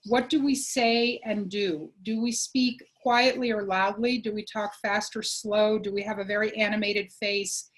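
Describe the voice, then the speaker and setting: A woman giving an online workshop presentation, explaining clearly and checking in with her listeners with a frequent "okay?". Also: mid-range voice, steady tone, measured pace, few pauses. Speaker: webinar presenter.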